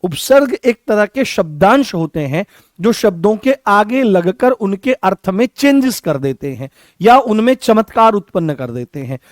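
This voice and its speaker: A man's voice: high-pitched, expressive, a little slow, no echo, clean studio sound. A man teaching an online exam-prep class, repeating key phrases and coaxing his students with affectionate names.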